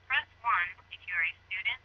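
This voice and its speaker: A woman's recorded automated phone menu message, read as scripted prompts in an even, announcer-like delivery. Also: mid-range voice, a little fast, husky. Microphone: heard through a telephone line. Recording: dull, muffled phone-line audio.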